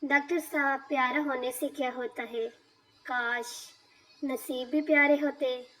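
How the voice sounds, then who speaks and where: A woman voicing a gentle, shy young female patient who speaks softly and quietly. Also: high-pitched, fairly even intonation, unhurried, low-quality recording.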